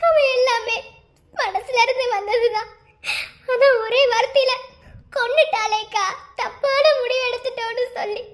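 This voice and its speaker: A woman voicing a grieving young husband who speaks low, subdued and resigned in a cartoon drama. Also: steady tone, measured pace, long pauses. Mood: hurt.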